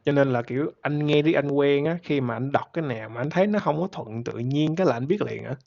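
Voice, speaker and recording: A laid-back podcast host chats casually in a gravelly, medium-pitched, slightly mellow voice with a bit of vocal fry. He talks fast, rambles easily and laughs often. The recording sounds somewhat dull and lo-fi.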